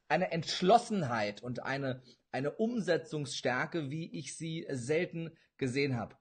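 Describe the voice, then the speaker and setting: A man's voice: fairly high pitch, husky. A young man hosting a podcast interview over a video call, eager and effusive. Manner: eager, effusive, laughs often. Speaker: podcast host. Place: indoor room with bookshelves, video call.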